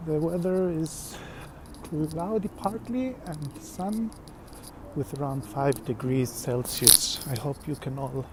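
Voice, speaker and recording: A vlogger, live-streaming a walk on city streets and narrating in an unhurried, hesitant way with fillers. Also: medium pitch, lively intonation. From Greece. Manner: unhurried, hesitant, pausing with fillers while walking. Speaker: vlogger giving a walking tour. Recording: loud outdoor street noise.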